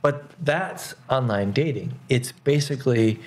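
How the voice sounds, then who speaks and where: A man's voice: mid-range voice, a little slow, darkish tone. Man, casual conversation, blunt, agreeable, swears offhandedly. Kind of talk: casual chat.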